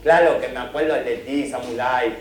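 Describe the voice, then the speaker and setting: A man's voice: mid-range voice, moderate pace, pitched below the performer's own voice, lightly acted. A male storyteller voicing a grumpy old hermit who mocks and insults, in an echoey hall. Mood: mocking. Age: older. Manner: insulting, mocking.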